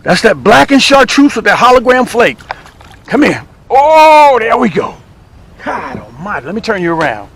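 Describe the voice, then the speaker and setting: Demonstrating tackle he's selling, the outdoor fishing host sits high in pitch with big swings, keeping a moderate pace and a fairly bright tone. He's exclamatory and repeats phrases for emphasis, with slight hiss or hum underneath.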